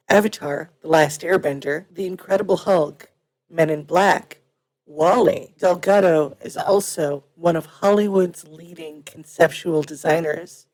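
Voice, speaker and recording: A woman's voice: sits low, a little mellow, rough recording. A woman hosting an interview show, reading a cheery introduction and asking chatty questions. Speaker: host. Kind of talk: podcast interview.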